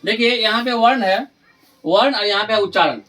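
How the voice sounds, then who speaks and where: A man with a high voice and a sharp tone teaches Hindi grammar to students in a classroom. Each question and answer gets repeated drill-style, and he lingers slowly over key terms for emphasis.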